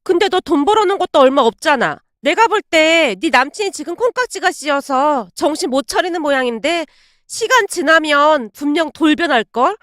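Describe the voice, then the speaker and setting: A woman voicing a spiteful young woman friend who mocks bluntly, in a lively high voice. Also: moderate pace, no echo, studio quality. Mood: sneering. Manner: sneering, blunt.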